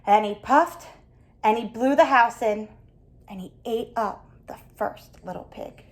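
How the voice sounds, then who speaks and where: A woman reading a children's picture book aloud, expressive and stopping to ask her listeners questions. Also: a little high, measured pace. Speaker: storyteller.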